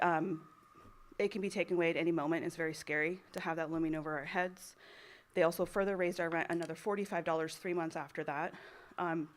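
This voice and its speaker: Breathless worried woman at a podium. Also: on the low side. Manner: earnest, worried, with frequent um's. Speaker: public commenter. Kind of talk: public comment at a county meeting. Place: county board meeting room.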